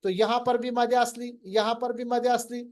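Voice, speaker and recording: During an online Quran recitation lesson, a man quizzes his student and slowly draws out the recited words. His voice is extremely high and his tone stays level.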